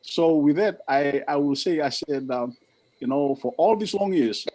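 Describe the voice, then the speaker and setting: An older man from Fiji giving a halting toast on a video call, with many fillers and restarts. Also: on the high side, expressive, dark tone.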